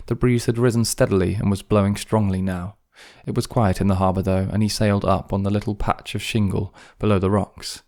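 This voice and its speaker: Deep, steady male audiobook narrator. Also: brisk, few pauses. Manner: calm, even reading. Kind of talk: scripted narration.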